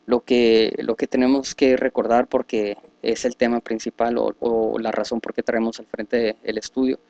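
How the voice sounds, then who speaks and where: A man's voice: mid-range voice, flat delivery, moderate pace, creaky, darkish tone, no room sound, muffled recording. A man leading a Bible study, reading scripture aloud and then explaining it at length with many fillers and restarts. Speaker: religious teacher.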